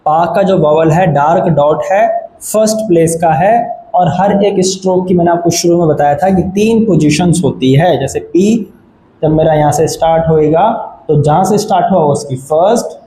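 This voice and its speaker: A man's voice: on the high side, normal speed, dark tone. A man teaching shorthand at a board, explaining step by step and checking in often to make sure his students follow. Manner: patient, repeats "ठीक है" to check understanding. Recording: echoey room, faint background noise.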